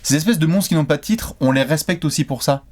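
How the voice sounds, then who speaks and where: Relaxed man co-hosting a casual chat. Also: a little high, fast. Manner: relaxed, conversational, slangy. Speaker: co-host reading viewer questions. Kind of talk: casual debate.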